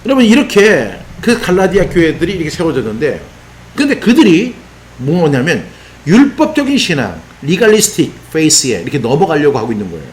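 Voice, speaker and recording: A man preaching an expository sermon as a pastor, animated and sometimes shouting out rebukes. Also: fairly high pitch, brisk. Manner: animated, voices apostle's rebukes in raised exclamations.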